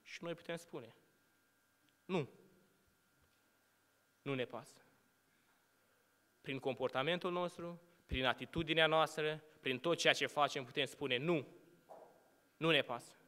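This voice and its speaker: A young adult man, a student preacher, delivers a sermon through a lectern microphone in an echoing church hall, his voice on the high side. His preaching is measured and rhetorical, rising on questions and dropping to hushed endings, with long hall reverb throughout.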